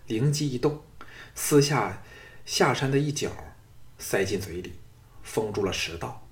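A man narrating an audiobook in a dramatic, expressive storytelling style. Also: medium pitch, a little slow.

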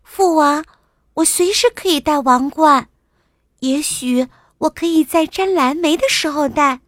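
A woman voicing a stubborn, excited little princess, shrill and loud in a children's storybook. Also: a little slow, no room sound, studio quality. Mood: cheerful. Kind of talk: storybook character voice.

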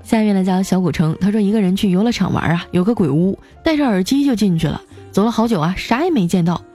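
A woman hosting a comedy show, reading listener jokes aloud. She talks with a lively manner, jumps up in pitch for quoted lines and laughs along. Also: fast, faint music behind. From China.

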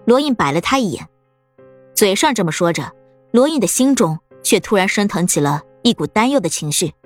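A woman narrating an audiobook story in a steady, expressive storytelling manner. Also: medium pitch, fairly quick, soft background music.

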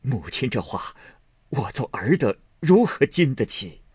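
A man's voice: mid-range voice, very animated, a little slow, a little mellow, husky, no room sound, studio quality, voice pushed up, heavily acted. A man reading aloud and voicing a middle-aged son who pleads humbly and tearfully with his mother. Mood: pleading.

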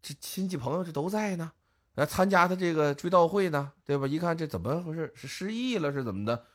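A man spins a folk story for his co-host in a chatty podcast. His voice sits slightly high and swings widely in pitch as he acts out the villagers. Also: animated, brisk. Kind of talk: casual storytelling chat.

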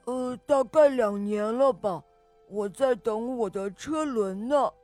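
A woman voicing a grateful, humble little diesel train engine that hesitates with soft "uh"s. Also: fairly high pitch, slow pace, no room sound, soft background music. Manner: hesitant, starting lines with "uh".

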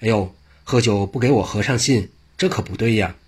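A man's voice: on the low side, a little fast, husky. A man voicing an eccentric, mischievous old male monk who talks in a brash, teasing way in a storybook reading.

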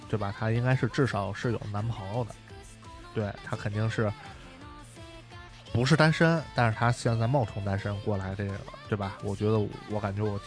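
Fast-talking man telling a story. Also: on the low side. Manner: animated, chatty, many fillers and tag questions. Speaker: podcast co-host. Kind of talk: casual storytelling chat.

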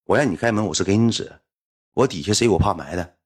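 A man's voice: fairly low pitch, fast, breathy edge, voice pushed down. A man voicing his sulky, aggrieved friend, muttering hurt complaints. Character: sulky wounded male friend, young adult.

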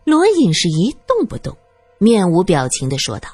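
A woman narrating a story in an expressive, animated storytelling manner. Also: fairly low pitch, normal speed, husky, no room sound, soft background music.

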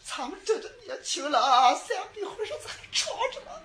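Lady doing a fiery young heroine, shaanbei accent, high bright voice, half crying half laughing. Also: expressive, a little fast. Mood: tearful farewell. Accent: northern Shaanxi. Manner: emotional, sobbing and laughing, sung cries. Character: bold young heroine, passionate and tearful. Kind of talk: Shaanbei storytelling dialogue.

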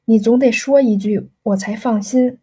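A woman's voice: a little high, normal speed, mellow, slightly rough. A woman reading as an insistent young suitor. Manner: pleading, pressing. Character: insistent young rich man proposing.

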